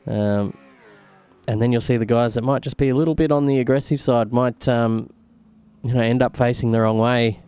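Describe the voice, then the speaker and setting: A man's voice: medium pitch, fairly even intonation, moderate pace, a little mellow, smooth. A man hosting live race commentary in a conversational, colloquial manner. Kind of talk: live sim racing commentary.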